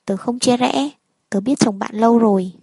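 A woman's voice: on the high side, moderate pace, dark tone, slightly rough. A woman reading the part of a scheming young woman confessing to a former friend. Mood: defensive.

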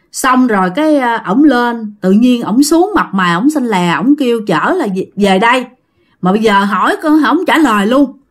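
Lively woman storyteller. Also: fairly high pitch. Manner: chatty, addresses listeners directly. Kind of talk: casual ghost-story telling.

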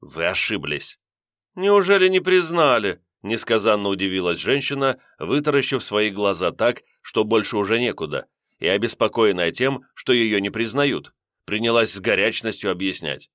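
A male narrator reads a novel aloud in a measured, expressive way. His voice sits somewhat low. The recording is dry and close, with no room sound. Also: no room sound. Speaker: audiobook narrator. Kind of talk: scripted narration.

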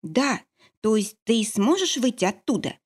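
A woman's voice: on the high side, lively intonation, unhurried, husky, voice pushed up. A woman reading an audiobook, voicing a frightened young pregnant woman who asks anxious questions. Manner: anxious, uncertain.

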